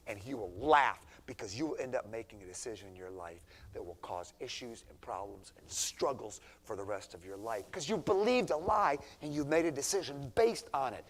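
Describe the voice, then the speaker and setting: Man preaching, hushed to emphatic. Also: mid-range voice. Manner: conversational, swings from hushed to emphatic. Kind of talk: sermon to teenagers. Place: church.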